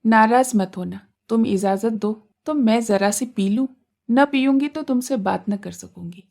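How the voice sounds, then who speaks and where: A woman voicing a grieving young widow who pleads softly and tearfully. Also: a little high, measured pace, gravelly. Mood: gentle coaxing.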